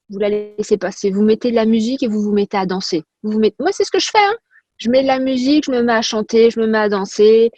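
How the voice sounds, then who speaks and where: A female personal development coach delivers a lively motivational talk with a slightly high voice. She repeats key phrases and poses rhetorical questions, and the recording is dry.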